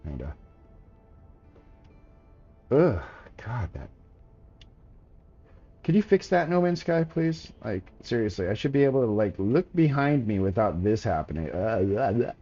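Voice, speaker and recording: A relaxed male streamer talks his way through a game in an unhurried, easygoing drawl, his voice low and mellow. The stream audio is a little dull and lo-fi, with faint game music underneath. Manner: laid-back, chatty, slangy, talks to chat. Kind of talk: casual gameplay commentary.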